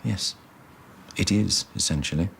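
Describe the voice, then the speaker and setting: A man's voice: sits low, unhurried, gravelly, fairly bright tone, a little hiss or hum, heavily acted. A man playing a stern, restrained senior surgeon in a TV hospital drama, speaking in a clipped, precise, formal way. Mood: measured, firm. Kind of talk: scripted TV drama dialogue.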